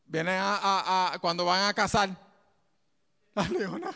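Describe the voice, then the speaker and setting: High, resonant man preaching in a hall. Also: moderate pace, creaky, clear, resonant tone. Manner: animated preaching with asides and laughter. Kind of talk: sermon.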